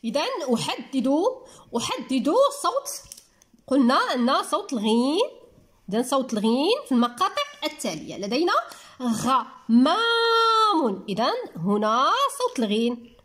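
A woman with a Moroccan accent teaching young children to read, sounding words out slowly one syllable at a time in a patient manner. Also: high-pitched, sing-song, a bit bright. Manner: patient, talks to children as little ones. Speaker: primary school teacher. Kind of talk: reading lesson for young children.

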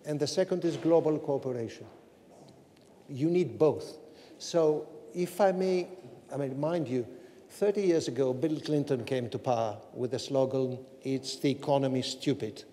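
A man's voice: medium pitch, normal speed, dark tone, slight background noise. An older man on a studio stage, answering as a panelist in an emphatic, gesturing way. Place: studio stage, seated in chair. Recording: stage reverb, faint ambience.

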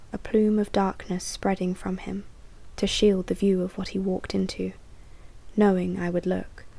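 A woman reading a novel aloud as an audiobook, often dropping into a soft whisper. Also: medium pitch. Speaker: audiobook reader. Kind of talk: audiobook narration.

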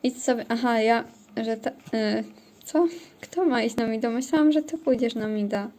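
A woman's voice: fairly high pitch, normal speed, a little mellow. A woman streaming a game, chatting casually with her viewers and teammates as she plays. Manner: chatty, talks to chat and teammates. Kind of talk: casual livestream chat while gaming.

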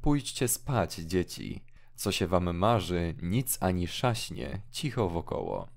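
A gentle older village priest, read by a man who speaks softly and soothingly. The voice is deep and hushed, with a slow and consoling pace. It is an audiobook drama reading. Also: sing-song, creaky, heavily acted.

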